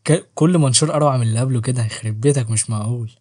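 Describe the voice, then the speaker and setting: A man's voice: mid-range voice, racing, dark tone. A man with an Egyptian Arabic accent reviewing a novel in a joking, slangy, self-mocking way. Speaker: book reviewer and channel host. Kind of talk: casual book review vlog.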